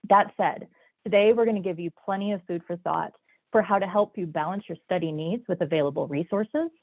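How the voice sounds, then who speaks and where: A woman's voice: on the low side, brisk, no room sound. A woman with a stuffy, nasal voice from a cold, presenting an online workshop in an enthusiastic, chatty way. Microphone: video call. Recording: dry, phone-like video call audio.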